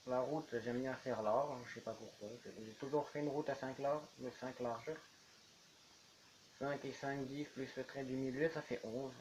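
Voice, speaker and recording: A man's voice: medium pitch, fairly even intonation, normal speed, a little mellow, a little hiss or hum, poor audio. Rambling man narrating his game build. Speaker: YouTuber. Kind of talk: casual gameplay commentary.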